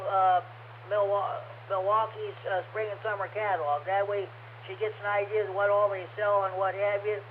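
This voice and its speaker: Man, ham radio net control, radio transmission, thin phone-like sound, high voice. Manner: friendly, rambling, halting with many fillers. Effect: radio transmission with static. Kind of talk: casual on-air radio chat. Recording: phone-like band, faint static noise over radio.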